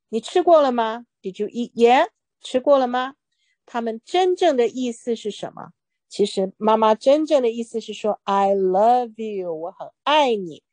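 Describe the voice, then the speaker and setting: A woman with a mid-pitched voice teaching an English reading lesson in Mandarin. She moves through the phrases and checks in with an easy OK. The sound is dry and close, with little room around it. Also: darkish tone, dry recording. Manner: explains English phrases in Mandarin, often says OK.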